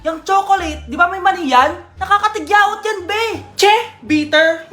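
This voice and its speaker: Young filipino woman playing mom and kids in a skit, really high voice, echoey room, music on. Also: fairly quick. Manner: playful, shifts between scolding mother and teen voices. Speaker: comedy skit creator. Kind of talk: comedic skit playing several roles.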